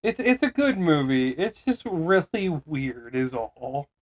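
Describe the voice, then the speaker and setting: A man's voice: a little high, very animated, slow. A man co-hosting a casual podcast chat, who laughs along and asks the questions.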